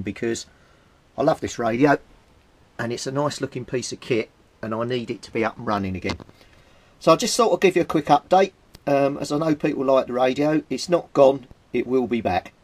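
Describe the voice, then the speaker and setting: In a dry recording, a British man with a mid-range voice speaks a little fast. He's a hobbyist at a home workbench indoors, giving a relaxed, explanatory update on a repair and thinking aloud as he handles equipment with his hands.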